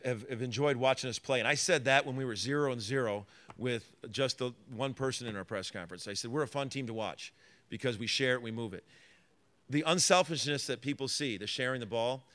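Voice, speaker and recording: Man, middle-aged, basketball head coach, press conference, earnest, rambling, fillers and restarts, middle pitch. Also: sharp tone.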